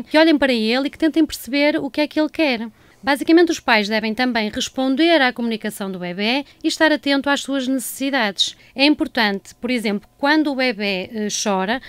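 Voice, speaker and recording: A woman speech therapist with a European Portuguese accent, giving measured explanations. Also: fairly high pitch, clean tone, no echo. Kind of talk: informational talk on a local program.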